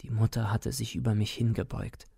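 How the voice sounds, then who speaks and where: A man reading a classic tale aloud in a measured, solemn and dramatic manner. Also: lowish voice, flat delivery, creaky, dark tone, husky, no room sound, studio quality. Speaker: audiobook reader. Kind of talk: scripted narration of a classic tale.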